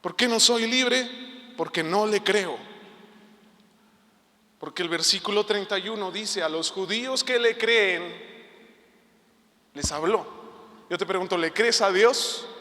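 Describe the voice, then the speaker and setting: Guy preaching, high bright voice, lots of questions at the crowd, big hall reverb. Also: a little slow, long pauses. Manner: impassioned, personal preaching with repeated rhetorical questions. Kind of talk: online sermon.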